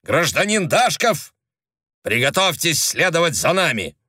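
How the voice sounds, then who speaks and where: Narrator playing a mocking, commanding police agent in an audiobook, dry close sound. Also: male voice, on the high side, big pitch swings, measured pace, pushed and bright, husky, no echo, voice pushed up, full character voice. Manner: brusque, commanding, sarcastic. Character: gruff, mocking male secret police agent.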